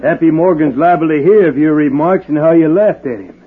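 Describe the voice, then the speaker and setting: An actor playing a wary cafe keeper who warns a stranger, in 1940s radio acting. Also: male voice, fairly high pitch, fairly quick, slightly rough. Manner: cautious, warning. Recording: tinny old radio broadcast.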